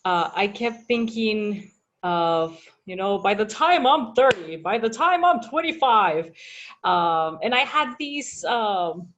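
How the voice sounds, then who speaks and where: Slow, earnest woman in her forties. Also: medium pitch, lively intonation, fairly bright tone, muffled recording. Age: 40s. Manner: thoughtful, unhurried, earnest. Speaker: religious sister in formation. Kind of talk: personal reflection on a video call. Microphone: video call.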